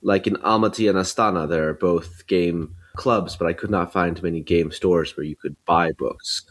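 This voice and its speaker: Deep voiced guy interviewing someone, chatty observations then a question. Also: steady tone, normal speed, fairly bright tone.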